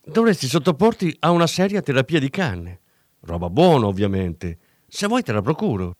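A man's voice: medium pitch, very animated, moderate pace, no echo, clean studio sound. A man voicing a cocky, chatty drug dealer with a mocking, breezy patter, in an audiobook reading.

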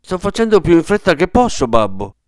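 A man's voice: medium pitch, huge pitch swings, brisk, clean tone, no room sound, studio quality. A man voicing an aged man trapped in a baby's body, whiny and falsely respectful, with a trembling voice. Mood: hurried.

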